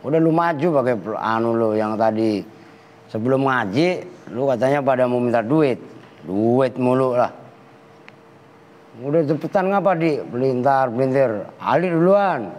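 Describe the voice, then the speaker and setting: Speaking with a Betawi Jakarta Malay accent, this kyai jokes and teases his way through an Arabic grammar lesson, using plenty of slang. His voice is mid-range, animated and unhurried, with a darkish tone. The reverberant hall adds echo, and there's faint background noise.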